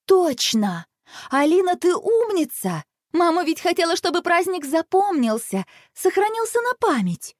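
Woman doing a bossy older sister, storybook girl, brisk and sharp, high bright voice, lively swings in pitch. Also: dry recording, clean studio sound. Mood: excited. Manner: brisk, decisive, sharp retorts. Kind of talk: storybook reading.

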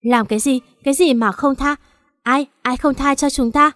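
Anxious older mother, read by a woman, pleading and scolding, high voice. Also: fairly even intonation, normal speed, fairly bright tone, no echo, studio quality, big-room sound. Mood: frightened.

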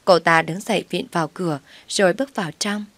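Low-voiced woman narrating a story. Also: fairly even intonation, fast, no echo. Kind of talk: first-person story narration.

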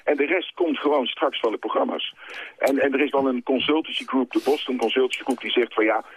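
A man's voice: medium pitch, brisk, slight background noise. A man, a broadcaster's chairman, argues his case insistently as a guest in a live radio phone interview. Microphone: telephone. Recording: tinny dry phone line.

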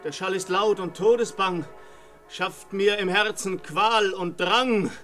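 A man's voice: high-pitched, fairly even intonation, slow, pushed and bright, soft background music, heavily acted. An actor playing a rich man at his feast who is gripped by dread of death, declaiming rhyming verse in a 1950s stage drama made for radio. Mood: fearful.

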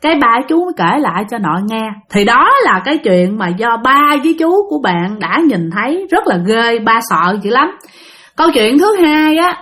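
Lively Southern Vietnamese woman storyteller. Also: a little high. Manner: lively, addresses listeners directly, acts out voices. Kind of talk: spoken ghost story narration.

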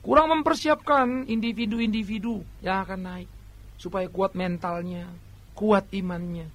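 A man preaching a sermon, swinging between loud exhortation and quieter asides as he addresses the congregation directly. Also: high voice, measured pace. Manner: addresses listeners as brothers and sisters.

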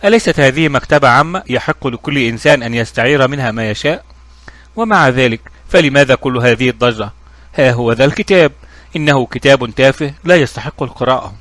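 A man's voice: medium pitch, fast, a bit bright, dry recording, lightly acted. A man playing a scoffing old doctor. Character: dismissive old male doctor.

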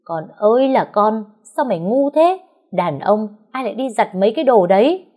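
A woman's voice: lowish voice, expressive, brisk, a little mellow. A woman voicing a furious older mother-in-law who scolds in a harsh, contemptuous voice. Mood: scolding.

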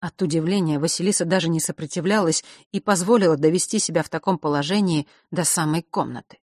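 A woman narrating an audiobook in a low, even reading voice. The recording is close and dry, and she reads with steady expression. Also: fast talker, no room sound.

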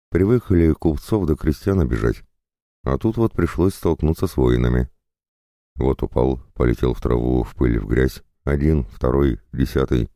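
Male audiobook narrator, extremely low gravelly voice, dry close sound. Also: warm tone, no room sound.

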